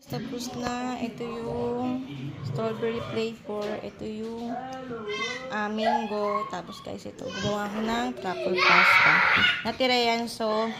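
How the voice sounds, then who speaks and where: A woman's voice: on the high side, little pitch movement, slow pace. A woman chatting casually in a home vlog, showing her fridge and her groceries, switching between Tagalog and English. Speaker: vlogger. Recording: noticeable background noise.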